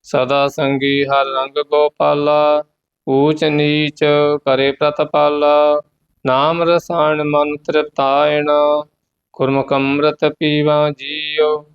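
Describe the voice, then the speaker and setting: A man with a Punjabi accent, teaching scripture pronunciation through slow, measured recitation. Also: a little high, monotone, smooth, faint music behind. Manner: chants verses slowly, then gives quick pronunciation notes. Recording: dull, slightly lo-fi recording.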